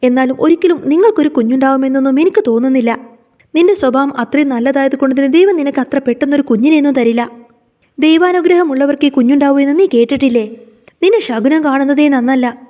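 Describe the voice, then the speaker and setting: A woman voicing a harsh, scolding middle-aged mother-in-law, taunting and scornful, in a fast retelling of a TV serial. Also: high voice, muffled recording, natural voice.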